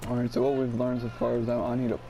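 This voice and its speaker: A man giving casual, low-key gameplay commentary, muttering to himself as he plays. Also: level tone, racing, gravelly, mellow, a little hiss or hum, rough recording. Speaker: gamer playing a golf video game.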